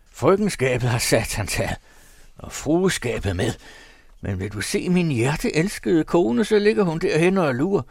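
A man putting on a loud jeering drunkard. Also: on the high side, big pitch swings, creaky, dry recording, studio quality, pitched above the performer's own voice, heavily acted. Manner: jeering, shouting. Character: coarse drunken male fisherman, mocking and loud.

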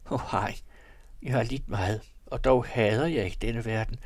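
A man's voice: mid-range voice, darkish tone, no echo, lightly acted. A man voicing a young, sorrowful woman in a read-aloud novel, speaking earnestly and hesitantly. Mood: tearful.

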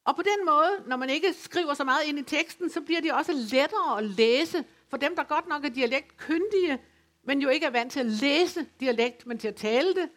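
High-voiced woman giving a measured lecture. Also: expressive, fairly bright tone. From West Funen, Denmark. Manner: measured, explanatory, with occasional hesitations. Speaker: lecturer on dialect literature. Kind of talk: academic lecture. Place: folk high school lecture venue.

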